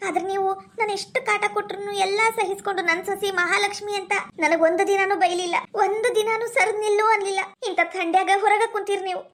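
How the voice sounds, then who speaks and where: Brief: woman playing a remorseful young village bride, very high-pitched, North Karnataka accent, pleading. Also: steady tone, quick pace, hardly any pauses. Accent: North Karnataka Kannada. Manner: pleading, apologetic. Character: young repentant village daughter-in-law. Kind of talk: village comedy skit.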